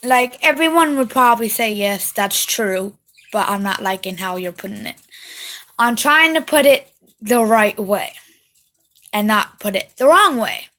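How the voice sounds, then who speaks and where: A woman with a fairly high voice, talking straight to camera in a casual vlog rant. She sounds heated and repeats herself, swears freely and drags out words she wants to stress. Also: lively intonation, normal speed, fairly bright tone, low-quality recording. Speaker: vlogger.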